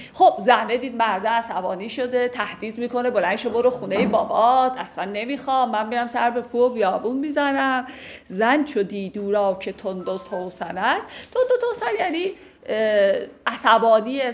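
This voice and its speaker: A woman with a somewhat high voice recites old poetry in measured lines. She then unpacks each verse in casual, lively everyday speech and glosses the hard words as she goes. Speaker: teacher explaining classical poetry. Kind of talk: verse recitation with colloquial explanation.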